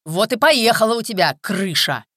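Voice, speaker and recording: A woman reading an audiobook, voicing a hard man who sneers loudly and provokes. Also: medium pitch, expressive, normal speed, no room sound, clean studio sound, voice pushed up. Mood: scornful. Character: hard, scornful grown man. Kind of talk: audiobook character voice.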